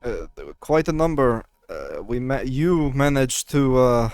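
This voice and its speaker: A man's voice: mid-range voice, lively intonation, measured pace, a little mellow, clean tone, no room sound, natural voice. A man voicing a relieved, earnest male commander in a tabletop game.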